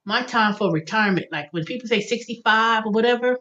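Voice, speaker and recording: On her livestream, this early-fifties host from the United States talks in a high-leaning, brisk voice that comes across pushed and bright. She rambles casually, thinking out loud and going back to repeat or fix what she said, all over dull audio.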